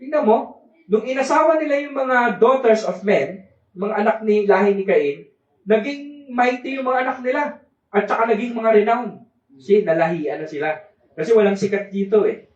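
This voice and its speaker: A man's voice: sits high, lively intonation, normal speed. A man with a Filipino accent preaching a sermon at a church service, reading scripture aloud and joking with the congregation. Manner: switches between Tagalog and English, jokes with congregation, reads scripture aloud. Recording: echoey, distant, dull church recording.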